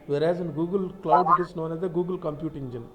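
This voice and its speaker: A man's voice: a little high, steady tone, a bit bright, low-quality recording. Man teaching a live online class. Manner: repetitive, halting explanations. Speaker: cloud computing instructor. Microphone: computer mic on a video call.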